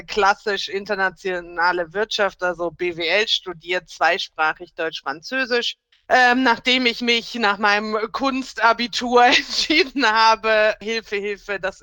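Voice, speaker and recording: Woman, late 30s, from the Rhineland, podcast co-host, cheerful, chatty, bright voice, dry close sound. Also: medium pitch, no echo. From Rhineland, Germany. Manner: cheerful, chatty, laughs often. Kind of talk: casual podcast chat.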